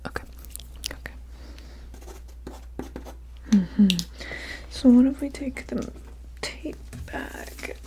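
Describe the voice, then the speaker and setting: A woman in a whispered role-play, mumbling to herself in a breathy whisper with soft murmurs, hums and half-finished phrases that trail off. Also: high-pitched, very slow, pauses often, a little hiss or hum. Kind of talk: whispered ASMR role-play of studying the listener and taking notes.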